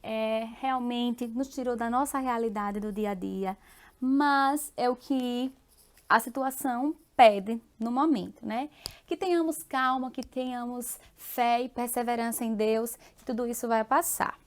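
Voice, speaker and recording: A woman from Brazil gives a remote lesson in a high, bright-toned voice. She speaks slowly and patiently, checking in with her students again and again. She repeats each example word carefully, so every one comes through clearly. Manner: warm, affectionate, frequent tag questions. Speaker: teacher.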